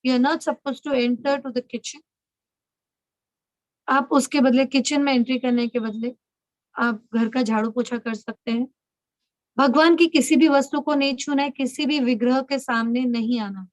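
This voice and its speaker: A woman's voice: sits high, steady tone, measured pace, no echo, poor audio. A woman leading an online session for young women, talking in an instructive way and often checking that she is understood. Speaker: spiritual mentor leading an online girls' session. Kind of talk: instructive talk in Hindi-English mix.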